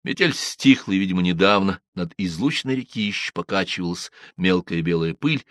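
A man narrating an audiobook in an expressive storytelling manner on a close studio mic. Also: low voice, brisk, no room sound. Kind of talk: scripted narration.

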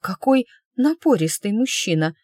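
A woman's voice: mid-range voice, very animated, unhurried, darkish tone, breathy edge, no room sound, clean studio sound, voice pushed up. A woman reading an audiobook, voicing a flustered, giggly young woman who exclaims in a rising voice. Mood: curious. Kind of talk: audiobook character voice.

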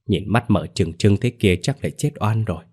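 A man narrating a ghost story in a measured, somber storytelling manner. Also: on the low side, darkish tone, husky. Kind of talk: scripted narration.

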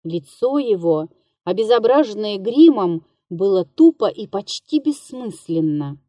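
Slow, mellow woman reading a story. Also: medium pitch, very animated, no room sound, muffled recording. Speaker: narrator. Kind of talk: literary audiobook reading.

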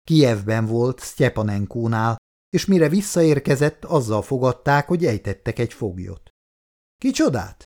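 A man narrating an audiobook in a steady, measured reading. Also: medium pitch. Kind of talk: scripted narration.

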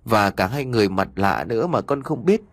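A man's voice: lowish voice, animated, brisk, breathy edge, dry recording. A man voicing a desperate, tearful young pregnant wife who speaks urgently. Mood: relieved tearful. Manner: urgent, pleading.

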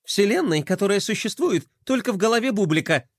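A man voicing a skeptical young skateboarding girl in a children's story, with a scoffing, excitable way of talking. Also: high voice, brisk, no echo, clean studio sound, voice pushed up.

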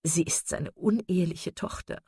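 A woman's voice: sits low, big pitch swings, moderate pace, breathy edge, dry recording, studio quality, heavily acted. A woman voicing a gossipy, prying older woman in a read-aloud novel, eager and nosy.

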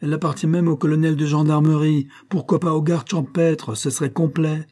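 A man's voice: mid-range voice, lively intonation, normal speed, mellow, slightly rough, pitched above the performer's own voice. A man reading the part of a proud, poor male village schoolmaster who bursts out in agitated protest, in an audiobook. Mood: exasperated. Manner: agitated, exasperated outbursts.

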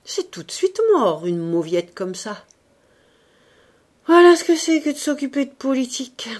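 A woman voicing a grumpy, sardonic old male showman in an audiobook, talking loudly and blustering. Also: sits high, big pitch swings, a little slow, voice pushed up, exaggerated voice. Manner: loud, blustering, exclamatory. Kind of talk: audiobook reading.

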